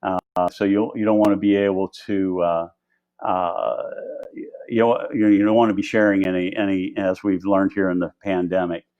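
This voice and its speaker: A man's voice: low voice, steady tone, normal speed, highs cut off. A man giving an informal, rambling tutorial as an instructor presenting equipment on live video in a conversational way. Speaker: instructor presenting diving gear.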